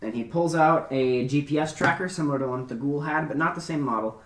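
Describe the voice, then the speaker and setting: A man's voice: a little high, fast talker, a bit bright, recorded from a distance. A man narrating as game master of a tabletop game, loose and joking. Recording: roomy echo.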